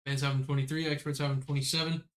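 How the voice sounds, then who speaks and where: Man, podcast co-host, relaxed, casual sports talk, reads rankings. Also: medium pitch, very fast.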